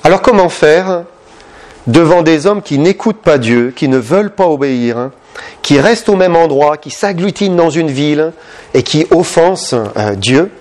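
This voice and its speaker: Male preacher, somewhat high voice, animated sermon delivery. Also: normal speed. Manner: impassioned, questioning the listeners, big pitch swings.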